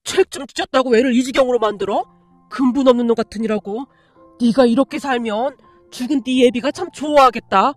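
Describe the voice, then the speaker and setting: Woman voicing a rude shouting bully dad. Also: on the high side, brisk, no echo, soft background music, lightly acted. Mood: angry yelling. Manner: shouting insults, jabbing accusations. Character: rude middle-aged father, bullying and contemptuous.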